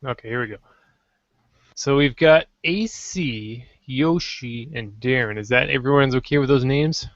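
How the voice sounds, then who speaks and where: A man's voice: medium pitch, measured pace, dry recording. A man hosting a casual podcast, joking and rambling as he tries out silly intros. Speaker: podcast host. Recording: dull lo-fi dry sound.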